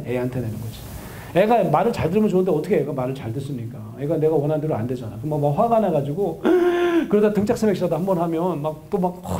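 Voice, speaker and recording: A middle-aged man, a counseling professor, giving a lively lecture to an audience and acting out the voices of a wife and husband. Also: fairly high pitch. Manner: animated, acts out quoted voices of a wife and husband.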